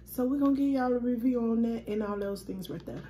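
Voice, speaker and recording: A woman's voice: a little high, brisk, mellow, roomy sound, slight background noise. A woman vlogging from her dinner table, chatting to viewers and calling them "y'all". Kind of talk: casual chat.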